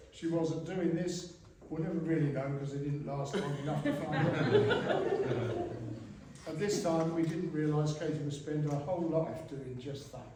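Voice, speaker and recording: A middle-aged man gives an informal, humorous father of the bride speech with dry, teasing delivery. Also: on the high side. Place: large reverberant room at a wedding reception. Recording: very echoey hall, distant mic, noisy room. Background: guests laughing, background noise.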